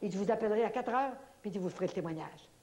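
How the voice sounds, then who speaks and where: A woman's voice: medium pitch, lively intonation, very fast, mellow. A woman with a Québécois accent giving a religious testimony at a church prayer evening, telling her story vividly and acting out the dialogue. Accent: Québécois French.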